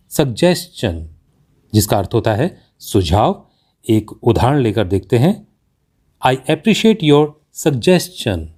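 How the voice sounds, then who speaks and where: A man with an Indian accent teaching English pronunciation in a slow classroom explanation, reading example sentences very carefully. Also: mid-range voice, mellow, husky.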